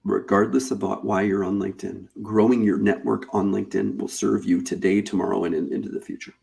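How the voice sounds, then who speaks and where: A man hosting a live webinar, pitching a paid challenge in a casual, chatty way, repeating and restarting phrases as he goes. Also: level tone, fairly quick, gravelly, a little mellow. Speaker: webinar host.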